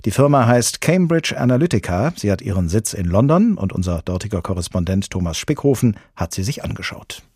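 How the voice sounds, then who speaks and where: A man presenting a radio culture program in a measured way. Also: on the low side, sing-song, a little mellow, breathy edge, no room sound, clean studio sound. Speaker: radio host.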